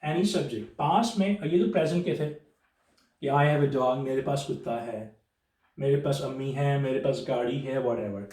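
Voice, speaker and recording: A man's voice: medium pitch, unhurried, a little mellow. A man with a Pakistani accent teaching English grammar, mixing English and Urdu and tagging phrases with "okay?", spelling sentences out word by word. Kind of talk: spoken grammar lesson. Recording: echoey room, mic at a distance.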